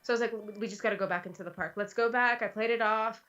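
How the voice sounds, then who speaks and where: A woman's voice: mid-range voice, steady tone, very fast, a bit bright, highs cut off. A woman co-hosting a casual livestream, telling stories in a chatty way with lots of restarts. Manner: chatty storyteller, many restarts and "like". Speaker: livestream co-host. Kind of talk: casual chat.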